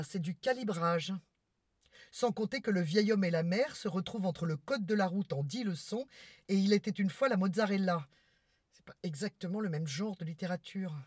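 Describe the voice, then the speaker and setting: A woman's voice: fairly low pitch, a little mellow, dry recording, studio quality, natural voice. A woman playing an exasperated haughty bourgeois lady. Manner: exasperated, condescending, theatrical. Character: haughty bourgeois lady scolding her maid. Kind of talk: comic stage monologue.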